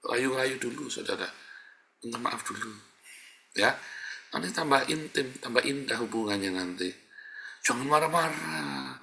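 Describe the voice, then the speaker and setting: A male pastor preaching a sermon with a slight tinge, blunt and colloquial, swinging between loud outbursts and soft asides. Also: mid-range voice, expressive, normal speed, gravelly, pauses often.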